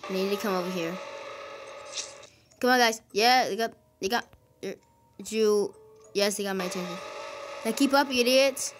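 A woman giving casual commentary over her gameplay. She gets excited quickly and grumbles at her teammates. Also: mid-range voice, soft background music. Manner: excitable, quickly frustrated, calls teammates idiots. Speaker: gaming video host.

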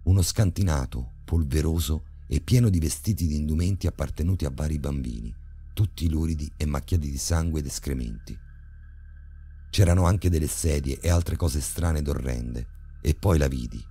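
A man narrating a horror story in a measured, grave way. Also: a bass voice, mellow, breathy edge.

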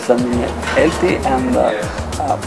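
A man in his forties from Sardinia with an Italian accent, a chef answering interview questions in halting English with many fillers, in a restaurant dining room. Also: mid-range voice, creaky, rough recording. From Sardinia, Italy. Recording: music playing loudly behind.

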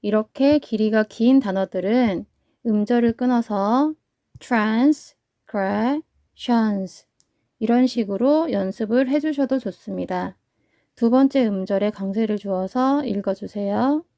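A woman's voice: a little high, normal speed, mellow. A woman teaching English pronunciation, explaining each sound patiently and step by step. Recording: muffled lo-fi sound.

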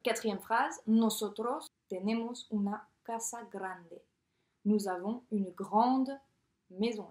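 A woman teaching Spanish in in a recorded lesson, talking briskly and patiently and checking in often with her students. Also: on the high side. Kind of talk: recorded lesson correcting exercises. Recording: echoey room.

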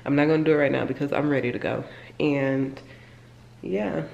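A woman's voice: rumbling low, steady tone, normal speed, gravelly, darkish tone, reverberant, muffled recording, a little hiss or hum. A woman in her twenties from Florida, chatting casually and rambling through a home vlog in her kitchen, talking to a handheld camera. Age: 20s. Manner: rambling, chatty, repeats herself. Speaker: vlogger. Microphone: handheld camera, then camera set on counter.

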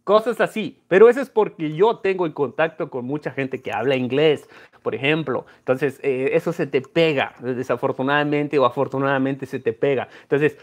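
A young Mexican man with a Mexican accent, speaking casually and reflectively to camera in a vlog, mixing in Spanglish words. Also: a little high. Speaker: numismatics vlogger.

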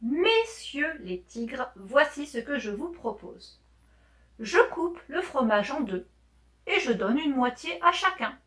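A woman reading aloud, voicing a cunning, self-important male fox in a children's storybook with a persuasive, smooth manner. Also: high-pitched, very animated, slow, fairly bright tone, distant mic, pitched above the performer's own voice, full character voice. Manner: smooth, persuasive, talks down to others.

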